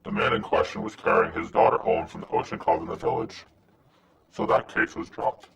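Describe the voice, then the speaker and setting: A man's deep, gravelly disguised voice. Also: a little fast. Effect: disguised voice, pitched down and gravelly. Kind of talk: anonymous scripted narration. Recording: noisy, distant-sounding recording.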